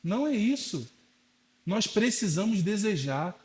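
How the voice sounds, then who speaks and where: Casting: young Brazilian pastor, high voice, chatty sermon delivery, slips into quoted voices. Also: male voice, big pitch swings, unhurried, a little mellow. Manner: conversational preaching, acts out quoted voices.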